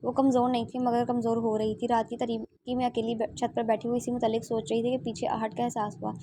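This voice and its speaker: A woman reading a romance novel aloud as narrator, in a steady, low-key storytelling manner. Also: fast, noisy background.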